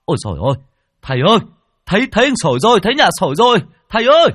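A man voicing a panicked young village man who shouts and stammers. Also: high-pitched, big pitch swings, very fast, voice pushed up. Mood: frantic.

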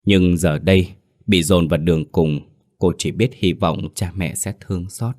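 A man narrating a dark folk tale in a solemn, dramatic storytelling manner. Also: low-pitched, normal speed.

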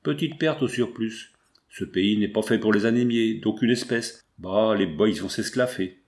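A man's voice: lowish voice, moderate pace, close to an everyday voice. A man voicing a coarse, middle-aged German saloon keeper who mocks boisterously, in an audiobook. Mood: mocking, brash. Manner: boisterous, mocking laughter.

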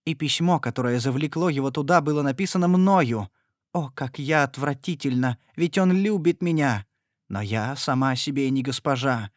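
Tearful, timid young noblewoman in a storybook reading, high and pleading, as a male reader puts her on, dry sound. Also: moderate pace, dry recording, close to an everyday voice. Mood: pleading, distraught. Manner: tearful, imploring.

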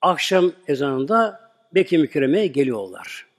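A man's voice: a little high, very animated, a little slow, big-room sound. A man preaching a sermon, earnestly telling a religious story and acting out its dialogue for the congregation.

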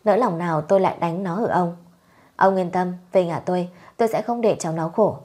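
Two-faced rich mother-in-law, sugary over sharp, husky low voice, voiced by a woman. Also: a little fast, close to an everyday voice. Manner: sugary, then cutting.

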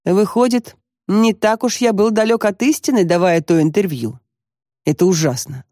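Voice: medium pitch, moderate pace, dark tone, no echo, clean studio sound, voice pushed up, lightly acted. An audiobook narrator voicing a troubled middle-aged man, talking in a brooding, confessional way.

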